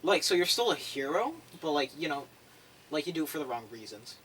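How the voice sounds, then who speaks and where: A young man co-hosting a casual podcast, rambling excitably and swearing casually. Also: a little high, brisk. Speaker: podcast co-host. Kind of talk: casual chat. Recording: voice from a distance with faint background noise.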